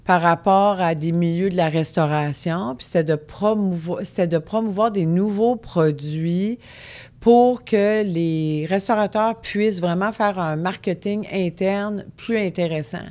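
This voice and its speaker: A woman's voice: fairly low pitch, a little slow, a little mellow. A woman in her forties with a Quebec French accent, a business owner chatting as a guest in an interview, often restarting her sentences. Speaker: guest entrepreneur. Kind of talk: casual interview.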